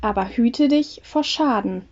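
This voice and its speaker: A confident young male craftsman speaks up earnestly and a little grandly, as a woman reading a fairy tale puts him on. The voice is mellow and sits somewhat high. The recording sounds dull and lo-fi. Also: measured pace.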